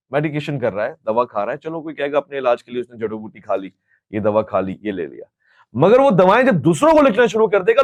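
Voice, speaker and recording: A man's voice: sits high, no room sound. A Pakistani man hosting a public Q&A, answering with impassioned, scolding conviction and slipping into English phrases. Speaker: host.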